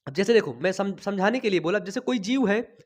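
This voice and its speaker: A man's voice: sits high, animated, a little fast. A young man teaching a biology lesson for board exams, chatty, quizzing students and answering himself, with a cold that keeps him coughing.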